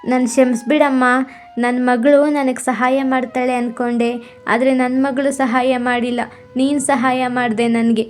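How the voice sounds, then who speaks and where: A woman's voice: high-pitched, flat delivery, measured pace, darkish tone, faint music behind. A woman voicing a remorseful mother who pleads with her daughter for forgiveness in a cartoon story. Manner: pleading, apologetic. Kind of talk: storybook character voice.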